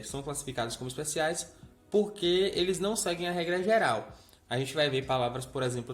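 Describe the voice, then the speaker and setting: A man's voice: a little high, a bit bright. A man teaching a grammar lesson, explaining step by step and checking in with the viewer.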